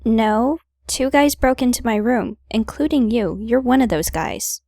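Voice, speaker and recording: A woman's voice: fairly high pitch, lively intonation, a little slow, vocal fry, dark tone, dry recording, clean studio sound. A woman hosting a gaming video, reading visual novel narration aloud with playful, wry casual asides.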